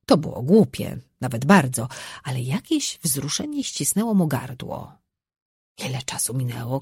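An audiobook narrator giving measured, expressive scripted fantasy narration, in a dry recording. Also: medium pitch, breathy edge, no room sound.

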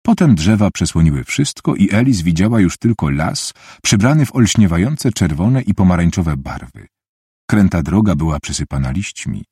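A man narrating an audiobook in a measured storytelling manner, with a husky voice, recorded on a close mic. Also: sits low, expressive, mellow, dry recording. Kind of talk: scripted narration.

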